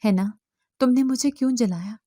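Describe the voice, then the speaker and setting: A woman's voice: a little high, mellow, no room sound, clean studio sound, voice pushed up, natural voice. A woman doing a pleading, reproachful male jinn. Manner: plaintive, reproachful.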